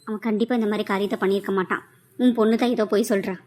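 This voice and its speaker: A woman's voice: mid-range voice, steady tone, rapid-fire, darkish tone, slight background noise, natural voice. A woman voicing a middle-aged aunt in a cartoon drama who refuses to believe her son did wrong. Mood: defensive. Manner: anguished, disbelieving, imploring.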